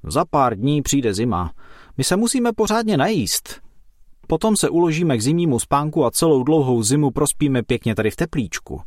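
A man's voice: fairly high pitch, very animated, a little mellow, dry recording, studio quality, pitched above the performer's own voice. A man doing a curt, grumpy ant boss. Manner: curt, unwilling, bossy. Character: big grumpy hungry ant leader, male.

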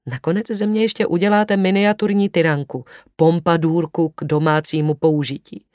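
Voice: mid-range voice, steady tone, a little mellow, no echo, clean studio sound, lightly acted. A reader voicing a frivolous, imperious young woman who speaks sharply and commandingly in an audiobook. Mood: musing, teasing. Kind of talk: audiobook character reading.

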